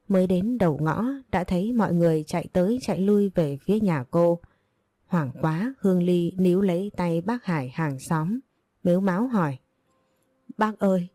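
A woman narrating a story in a steady scripted reading, voicing every part in a mostly even voice. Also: fairly low pitch, no echo.

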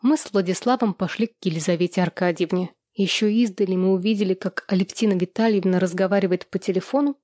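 A woman reads a first-person story aloud in an even, measured way. Her voice is mid-pitched and recorded close and dry, with no echo at all. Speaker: narrator. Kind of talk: first-person audiobook narration.

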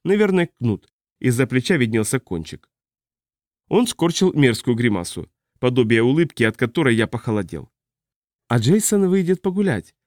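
Calm male audiobook narrator. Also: mid-range voice, moderate pace, no room sound, studio quality. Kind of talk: first-person audiobook narration.

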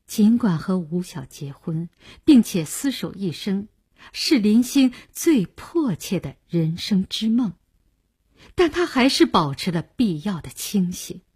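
A woman reads a novel aloud with expressive, scripted storytelling. Her voice is husky and grainy, yet her pitch ranges widely, giving the reading a lively shape. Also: slow. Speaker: audiobook narrator.

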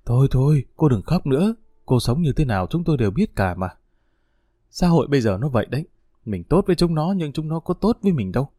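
A man's voice: mid-range voice, sing-song, fast talker, warm tone, no echo, clean studio sound. A man voicing relatives who soothe and moralize. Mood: consoling. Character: sympathetic family relatives consoling.

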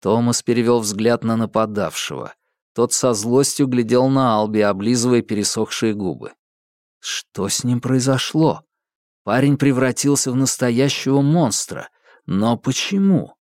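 A man narrates a novel in a measured, dramatic storytelling voice of middle pitch. He builds tension steadily. The recording is close and completely dry. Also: darkish tone, dry recording. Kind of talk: audiobook narration.

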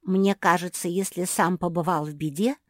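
A woman's voice: fairly low pitch, steady tone, moderate pace, no echo, clean studio sound, close to an everyday voice. A woman voicing an earnest, literal-minded female dog who was once a stray.

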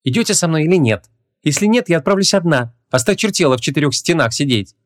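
A man's voice: on the high side, lively intonation, fast, no echo, clean studio sound, pitched above the performer's own voice, lightly acted. A man doing a tart, impatient young woman.

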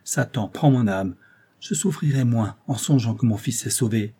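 A man's voice: mid-range voice, normal speed, warm tone, husky. A man reading the part of a frail, devoted old noblewoman in a quavering, subdued manner, in an audiobook. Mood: pleading.

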